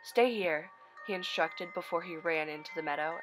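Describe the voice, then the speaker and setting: A woman's voice: low-pitched, level tone, fairly quick, sharp tone, soft background music. A woman narrating a scripted horror story. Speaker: narrator of online horror stories.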